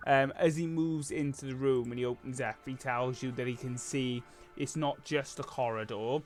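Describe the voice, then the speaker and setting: A man narrating as game master in a relaxed, hesitant way, with frequent pauses and ums. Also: mid-range voice, faint music behind.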